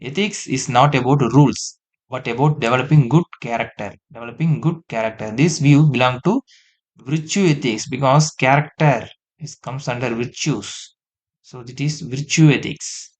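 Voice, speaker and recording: Reading multiple-choice questions aloud for an exam-prep class, a man in a mid-range voice goes over every answer slowly a second time. Now and then his voice drops for a softer aside.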